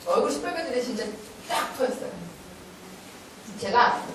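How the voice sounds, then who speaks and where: A middle-aged woman speaking to a church group in a fairly high voice. She tells animated stories and snaps into stern, scolding voices when she acts out a scene. The recording comes from far off in a very echoey hall, with faint noise behind her. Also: normal speed. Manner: animated storytelling, acting out stern scolding, often laughing. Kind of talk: lecture-style talk with acted quotes.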